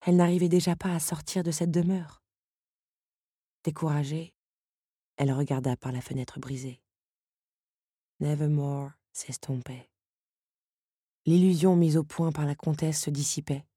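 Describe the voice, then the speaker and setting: A woman narrating an audiobook in a measured, even storytelling manner. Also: low voice, breathy edge, no room sound, clean studio sound.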